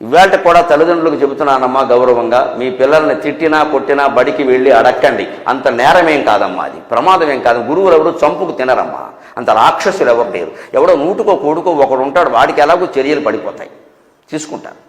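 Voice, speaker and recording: A man's voice: mid-range voice, animated, fast. A man giving a spiritual discourse to an audience, scolding with rhetorical questions and wry humour. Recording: echoey hall with long reverb.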